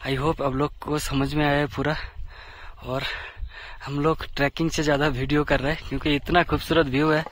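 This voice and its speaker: A man vlogging outdoors while climbing a steep snowy trail, out of breath and talking slowly between breaths to his viewers. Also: on the high side, level tone, fairly bright tone. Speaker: travel vlogger. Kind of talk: casual vlog narration while trekking. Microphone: handheld camera while walking.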